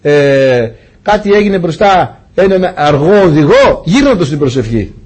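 Husky, lively preacher. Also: male voice, fairly high pitch. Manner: animated storytelling, rhetorical questions to the congregation. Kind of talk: sermon with personal anecdote.

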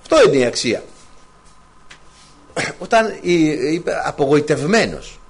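A man's voice: a little high, breathy edge. A man preaching a sermon to his congregation, full of rhetorical questions and quoted scripture.

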